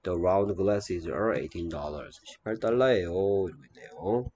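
Man, English teacher, low voice, slow unhurried delivery, faint hiss and clicks. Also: lively intonation, dull audio. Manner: reads English lines slowly and deliberately, then explains in Korean. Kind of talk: textbook lesson explaining dialogue.

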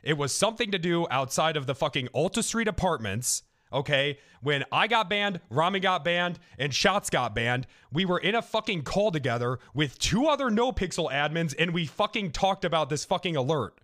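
A man with a bright, ringing voice and a raised pitch rants heatedly on a stream. His tone swings widely as he swears and vents. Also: expressive, moderate pace. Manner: heated ranting, heavy swearing. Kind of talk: casual chat.

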